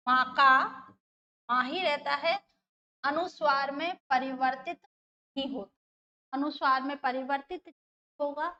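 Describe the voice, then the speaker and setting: A woman's voice: high-pitched, measured pace, pauses often, sharp tone, highs cut off. A woman teacher giving an exam-prep grammar lesson, explaining step by step, repeating terms and putting questions to her students.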